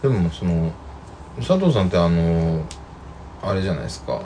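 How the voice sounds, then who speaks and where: A man's voice: deep voice, lively intonation, moderate pace, dark tone, slight background noise. A man with a Kansai accent co-hosting a podcast, teasing his partner and answering with short replies. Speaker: podcast co-host. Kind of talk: casual chat.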